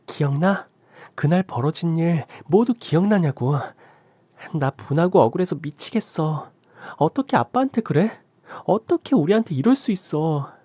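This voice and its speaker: A man's voice: expressive, moderate pace, a little mellow, breathy edge, dry recording. A man voicing a young adult daughter, a wronged and furious wife, pleading and often tearful. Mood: urgent, indignant. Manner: pleading, rising to shrill, tearful.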